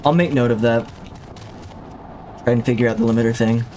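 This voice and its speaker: A man livestreams a video game and chats with his viewers in a rambling, reflective way, often restarting his sentences. His voice is medium-pitched, steady, warm, and fairly quick. His streaming mic runs through a limiter, and there's a little hiss or hum.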